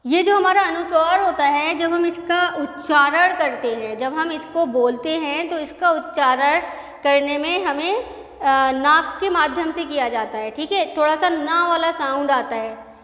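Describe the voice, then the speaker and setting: Slow, patient Indian woman teacher, echoey room. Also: high voice, a bit bright. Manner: slow, patient explaining with frequent "ठीक है" check-ins; mixes English words into the lesson. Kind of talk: online class lesson. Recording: echoey room with long reverb.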